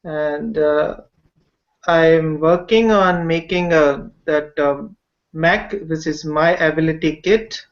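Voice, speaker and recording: Slow, hesitant man on a video call. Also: fairly high pitch. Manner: hesitant, many pauses and fillers. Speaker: webinar participant describing his project. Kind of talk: slow, halting self-introduction. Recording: dull online call audio.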